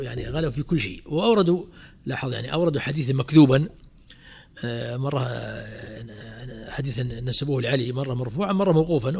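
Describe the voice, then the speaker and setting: A man's voice: medium pitch, gravelly, slightly rough. A middle-aged man teaching a religious text in class, quizzing students with rhetorical questions and fillers. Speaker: sheikh teaching a creed commentary.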